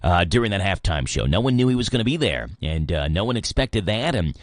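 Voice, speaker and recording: A man's voice: deep voice, sing-song, a little fast, no echo, studio quality. An American man hosting a live morning radio show, moving between read items and casual chat. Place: radio studio.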